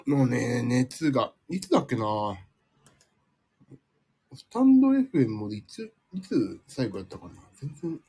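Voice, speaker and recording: A man's voice: mid-range voice, huge pitch swings, unhurried, warm tone, husky. A man hosting a casual live stream from home, chatting with listeners in a sleepy, rambling, self-deprecating way, slightly nasal from a cold. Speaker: livestream host.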